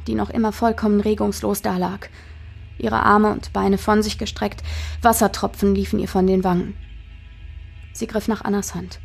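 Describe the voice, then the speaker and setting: Husky woman narrating a tense audiobook. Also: medium pitch. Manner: tense, dramatic storytelling.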